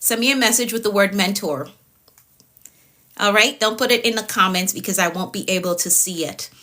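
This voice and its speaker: Woman, late 30s, productivity coach doing a live stream, bright tone, firm and repetitive delivery. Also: medium pitch, normal speed. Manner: repetitive, firm, tags lines with okay.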